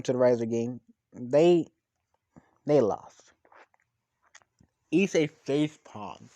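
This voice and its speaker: A man's voice: a little high, dark tone. A man telling a fan story in casual talk, rambling with many restarts and fillers.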